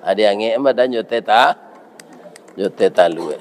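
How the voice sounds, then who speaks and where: A middle-aged man preaching a sermon with a Minangkabau accent, lively and joking, who keeps asking his listeners for agreement. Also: on the low side, normal speed, slight background noise.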